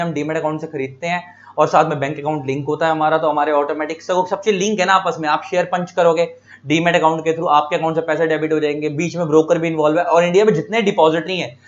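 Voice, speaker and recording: A man's voice: high voice, highs cut off. A man teaching an exam-prep lecture, asking questions and answering them himself, repeating key terms.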